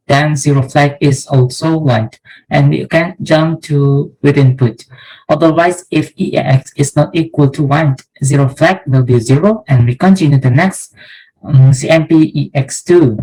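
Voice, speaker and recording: A man's voice: on the high side, moderate pace, a little mellow, husky, poor audio. A young man from Indonesia, a student, methodically explaining code step by step in a class presentation. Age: young adult.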